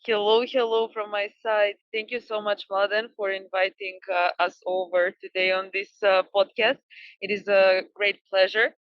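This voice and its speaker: A woman's voice: mid-range voice, little pitch movement, moderate pace, no room sound, highs cut off. A woman in her twenties, a polite and cheerful podcast guest, speaking over a video call. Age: 20s. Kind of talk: casual podcast interview.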